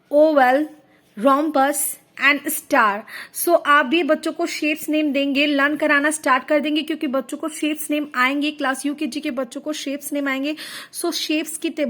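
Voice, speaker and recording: A woman's voice: high voice, fairly bright tone. A woman in her thirties, a home teacher, patiently walking parents through a child's worksheet and spelling words out letter by letter. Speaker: teacher guiding parents through kindergarten homework. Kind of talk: Hindi-English homework walkthrough.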